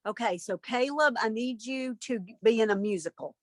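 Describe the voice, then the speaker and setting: A woman's voice: fairly high pitch, expressive, normal speed. A woman, a guest telling stories in casual interview chat over a video call. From Alabama, USA. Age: 50s. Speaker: guest, mother of a host.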